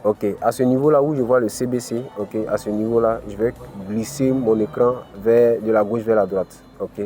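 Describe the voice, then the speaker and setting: Over faint background music, a crypto channel host with an African French accent steps viewers through a screen-recorded tutorial, using "ok" and "voilà" again and again. His warm, mid-range voice keeps fairly even intonation at a moderate pace.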